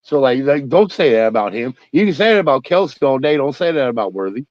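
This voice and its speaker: A man's voice: mid-range voice, big pitch swings, brisk, darkish tone, no echo. Male co-host for a casual sports chat, blunt and profane, recorded dry and a bit dull. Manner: blunt, profane, joking, says "like" a lot. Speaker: podcast co-host. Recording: dry, slightly dull sound.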